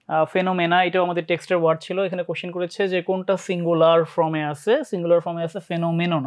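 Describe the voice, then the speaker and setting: A teacher with a Bangladeshi Bengali accent giving a live online English lesson for university admission tests, often checking in and asking students questions. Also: medium pitch. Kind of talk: live online class lecture.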